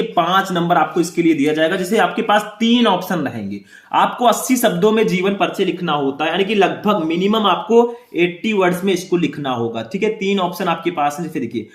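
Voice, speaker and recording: A young man teaching an exam-prep lesson, explaining questions step by step and reading passages slowly aloud. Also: high-pitched. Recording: echoey room.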